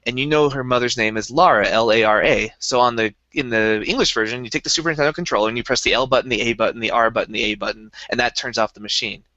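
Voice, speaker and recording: A young man co-hosting a casual podcast chat explains things eagerly and rambles, with many restarts. His mid-range voice is pushed and bright, quick with few pauses, recorded muffled with no room sound.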